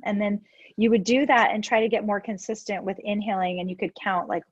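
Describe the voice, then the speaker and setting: A woman's voice: mid-range voice, steady tone, a little fast, husky, no room sound, lo-fi sound. Chatty stuffed-up woman teaching breathing. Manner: chatty, lots of "like" fillers, explains step by step. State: stuffed-up nose. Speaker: yoga teacher guest. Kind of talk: casual instructional chat.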